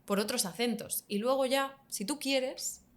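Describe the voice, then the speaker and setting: A woman's voice: high-pitched, measured pace. Confident woman teacher. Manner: explanatory, confident, lively emphasis. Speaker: English teacher guest. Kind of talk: conversational interview.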